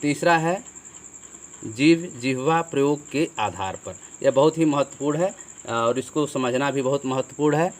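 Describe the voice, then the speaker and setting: Speaking a little slowly at medium pitch, a man walks a class through Hindi grammar one step at a time. He poses questions and answers them himself, leaning on rhetorical questions and repeated "ठीक है."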